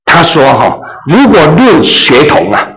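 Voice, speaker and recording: A man's voice: fairly high pitch, huge pitch swings, unhurried, fairly bright tone, rough recording. A man preaching a sermon as pastor, emphatic, sometimes acting out quotes and mixing in English phrases. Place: church in New Zealand.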